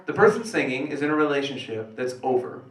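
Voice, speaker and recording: A man doing crude, self-mocking stand-up comedy in a small cafe, with a rough, wrecked voice. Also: mid-range voice, very animated, quick pace. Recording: echoey room, distant mic, live music.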